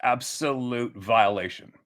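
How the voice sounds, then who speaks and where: A man's voice: medium pitch, slow pace, a bit bright. A man giving a heated, profane monologue to his audience, growing angrier as he goes and often restarting his sentences. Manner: angry, profane, emphatic ranting; repeats himself and restarts mid-sentence.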